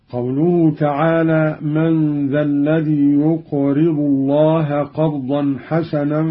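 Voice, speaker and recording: Slow, husky man giving a radio lesson. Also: a little high. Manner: slow, measured explanation with chanted verse quotes. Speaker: radio presenter teaching Quran readings. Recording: dull lo-fi radio archive.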